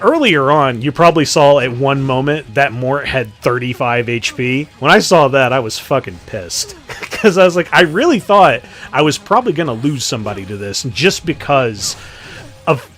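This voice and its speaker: A man's voice: medium pitch, fairly bright tone. Profane, offhand male gaming commentator. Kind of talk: casual game commentary voice-over.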